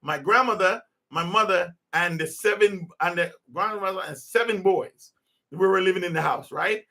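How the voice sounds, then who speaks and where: Earnest man in his fifties, high and bright, unscripted podcast host who restarts his sentences a lot. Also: moderate pace. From Jamaica. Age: 50s. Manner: earnest, rambling with many restarts. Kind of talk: unscripted personal monologue.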